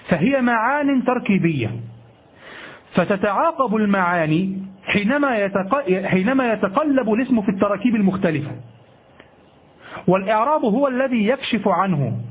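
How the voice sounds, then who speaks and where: The voice sits high with a breathy edge as this man teaches Arabic grammar in a classroom lecture. Prone to repeating phrases and correcting himself, he asks rhetorical questions and prompts listeners with "ha?" Audio quality is tinny and lo-fi, phone-like.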